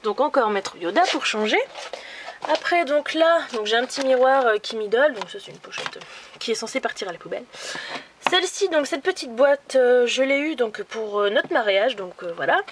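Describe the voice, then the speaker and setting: A woman's voice: on the high side, expressive, moderate pace, noisy background. A young woman from France casually showing her room, chatty and self-mocking with lots of fillers. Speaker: vlogger giving a room tour. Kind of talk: casual room tour narration. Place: bedroom at home, indoors.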